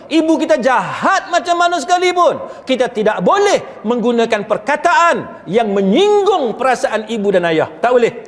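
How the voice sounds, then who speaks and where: High-voiced preacher in a reverberant hall. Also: male voice. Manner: chatty, rhetorical questions to the audience, occasional chuckles. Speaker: Islamic preacher. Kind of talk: conversational religious lecture.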